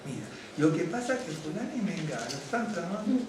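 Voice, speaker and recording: A man, a rabbi, giving a conversational sermon to his congregation. He is lively and digressive, keeps asking "¿no es cierto?", and gets carried away with enthusiasm. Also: fairly high pitch, a little fast, slight background noise. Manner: addresses congregation directly, gets excited. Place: synagogue hall. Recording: very echoey hall, mic at a distance, faint ambience.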